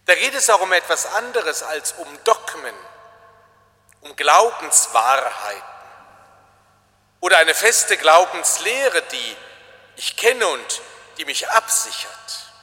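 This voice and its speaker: Male preacher, reflective sermon, slow and emphatic, lively melody, long hall reverb. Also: a little high.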